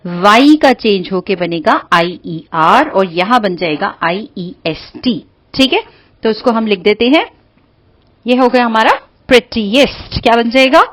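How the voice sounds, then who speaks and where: A woman teacher explaining a grammar lesson in a patient, step-by-step way. Her voice sits a little high, and she often asks a question and then answers it herself. The recording is dry and close, with no room sound. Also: animated, measured pace, a bit bright, no echo. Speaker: English teacher.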